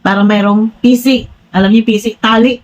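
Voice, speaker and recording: In a casual commentary vlog about online personalities, a blunt, frank woman addresses her viewers directly, calling herself direct to the point while rambling and restarting often. Her pitch is fairly high, her tone steady, and her pace fairly quick.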